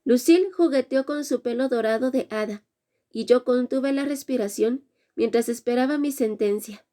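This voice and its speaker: A woman narrating a romance audiobook in the first person with a measured, dramatic reading. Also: on the high side, dark tone.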